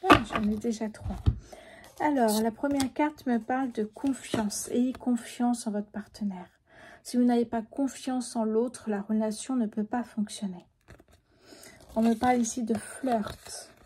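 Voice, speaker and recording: Soft-spoken woman with a sore throat. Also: on the high side, noisy background. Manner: speaks softly, sometimes whispering. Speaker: tarot card reader. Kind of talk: tarot reading video.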